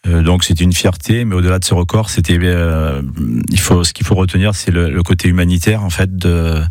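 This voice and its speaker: A pizza chef speaking as a guest on a radio show. His voice is very low and dry, and he pauses often with fillers as he hesitates. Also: steady tone, a little mellow, dry recording. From France. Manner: hesitant, many "euh" fillers. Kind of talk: radio interview.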